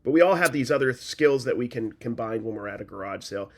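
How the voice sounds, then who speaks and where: A man chatting and teasing on a casual podcast. His voice is at an average middle pitch, and he talks loosely, with plenty of filler. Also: animated, fast talker. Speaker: podcast co-host. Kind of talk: casual chat.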